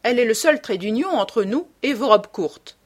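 A languid, cynical aristocrat trading epigrams, read by a woman narrator. The delivery is dry and ironic, yet the pitch moves with lively turns. Audiobook character reading in a storyteller's register. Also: normal speed.

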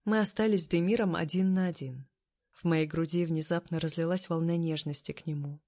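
An audiobook narrator reading a first-person story in a steady, even way. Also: medium pitch, fairly quick.

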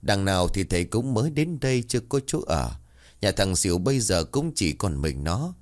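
A man's voice: low voice, moderate pace. A man narrating a folk ghost tale, acting out the characters' lines. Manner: voices characters with lively shifts. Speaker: storyteller.

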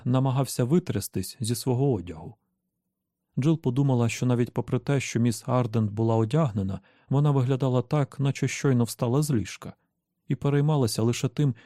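A man narrating an audiobook in a steady, even reading style. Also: mid-range voice, fairly quick, no echo, studio quality. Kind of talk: scripted narration.

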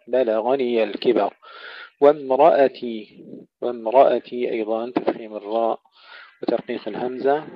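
A man teaching Quran recitation in a tajweed lesson, moving between slow melodic recitation of verses and brisk explanations of pronunciation rules. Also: mid-range voice, no echo, lo-fi sound.

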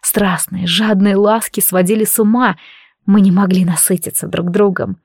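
A woman reading an erotic fantasy novel aloud as scripted narration, slow, even and intimate. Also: mid-range voice, husky, no room sound, clean studio sound. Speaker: audiobook reader.

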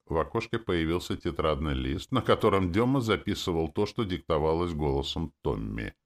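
Deep-voiced male audiobook narrator. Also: big pitch swings, normal speed. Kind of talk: scripted fantasy narration.

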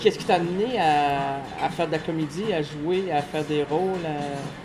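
A man's voice: fairly high pitch, normal speed, crowd noise, low-quality recording. A man hosting a casual radio interview, chatty and curious, prompting his guest with questions. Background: music.

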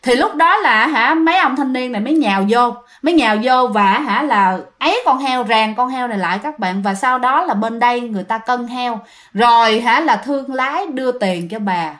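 A woman's voice: a little high, animated, normal speed, fairly bright tone. A woman narrating a ghost story in a chatty way, speaking directly to her listeners.

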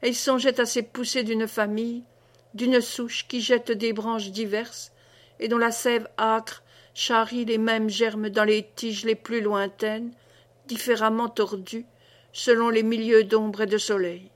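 A woman reading a classic novel aloud as an audiobook, with dramatic, measured narration. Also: fairly high pitch, level tone. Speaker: audiobook reader. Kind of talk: scripted narration.

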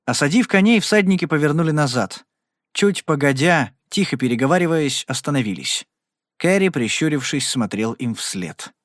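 A man in steady scripted narration, reading a Western novel as an audiobook. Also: a little high, normal speed, no echo, clean studio sound.

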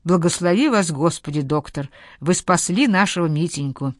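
A woman voicing a fussing, anxious old grandmother with a shrill pleading voice, in a dry recording. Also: animated, normal speed, no echo, natural voice. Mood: tearful.

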